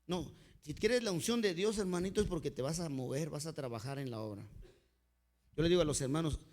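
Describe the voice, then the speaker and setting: Mexican pastor preaching with earnest stories. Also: male voice, on the high side, animated, a little fast. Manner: earnest storytelling, often addressing listeners as "hermanito"; dynamic delivery, sudden swings in loudness. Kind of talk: sermon.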